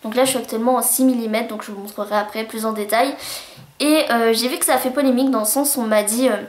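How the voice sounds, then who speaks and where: Gushy chatty girl doing a favourites vlog, kinda high voice, echoey room. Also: fairly even intonation, fast. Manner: chatty and bubbly, gushing with cutesy words. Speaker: beauty vlogger. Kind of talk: casual monthly favourites vlog. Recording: roomy echo.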